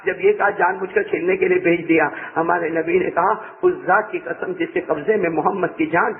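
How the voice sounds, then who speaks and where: High-voiced man preaching, tinny sound. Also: fairly even intonation. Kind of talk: emotional religious storytelling sermon.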